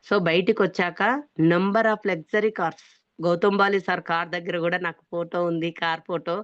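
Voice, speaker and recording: A woman's voice: on the low side, steady tone, moderate pace, clean tone, dry recording. A woman from Hyderabad with a Telangana Telugu accent, giving an earnest, emphatic motivational testimony to a business audience. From Hyderabad, India. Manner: earnest and emphatic, often stressing that she is being sincere. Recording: dull, dry, lo-fi sound.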